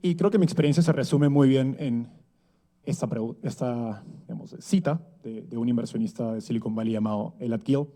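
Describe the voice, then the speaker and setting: With a dark tone and a mid-range voice, a man from Peru addresses an event audience from the stage in a slightly fast, conversational conference talk laced with fillers and rhetorical tags.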